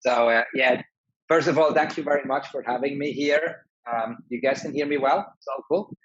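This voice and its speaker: A husky-voiced man in his thirties, talking English. He chats in a friendly, halting way, restarting his sentences often. The sound is dry and a little dull, like an online call. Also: medium pitch, dry recording. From Switzerland. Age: 30s. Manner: friendly, many restarts and fillers. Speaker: guest, digital nomad entrepreneur. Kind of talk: casual interview talk.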